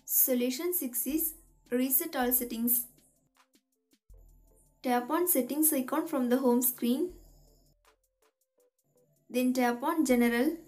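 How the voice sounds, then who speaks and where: High-voiced woman reading tech steps. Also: takes it slowly, long pauses, soft background music. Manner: even, methodical instruction reading. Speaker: tutorial host. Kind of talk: scripted step-by-step tech tutorial.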